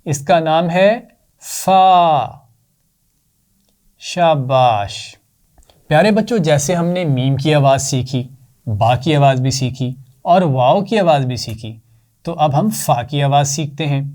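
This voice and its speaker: A male teacher with a Pakistani accent giving a children's lesson, slowly drawing out each sound and praising often. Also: medium pitch, lively intonation, darkish tone. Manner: slow, drawn-out repetition with praise.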